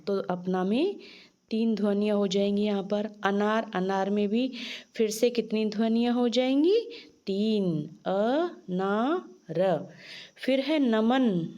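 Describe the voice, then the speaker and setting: A woman teacher speaks slowly and patiently in a mellow, medium-pitched voice, captured on dull-sounding audio. Explaining a lesson for children, she poses questions and then answers them herself.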